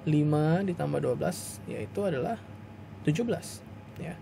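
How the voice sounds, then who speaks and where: A man teaching a class on video in a slightly high voice. He walks through each step patiently, repeating himself and padding his sentences with soft fillers. A faint hiss runs under the recording. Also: normal speed, gravelly. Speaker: lecturer. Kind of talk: recorded lecture explaining to students.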